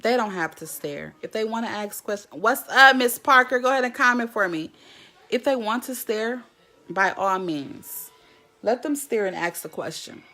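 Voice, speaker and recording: A woman's voice: a little high, lively intonation, moderate pace, bright, forceful tone. A woman from Jackson, Mississippi, chatting casually on a livestream and greeting viewers by name. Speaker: livestream host.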